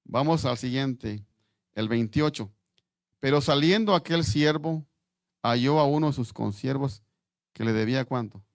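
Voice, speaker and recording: A man preaching a sermon in Spanish, halting and repeating words as he reads scripture aloud. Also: mid-range voice, no echo, clean studio sound.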